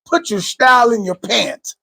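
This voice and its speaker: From Cleveland, Ohio, this podcast co-host chats loosely and animatedly, full of restarts and asides. His voice is very high-pitched, creaky, pushed and bright, at a normal speed.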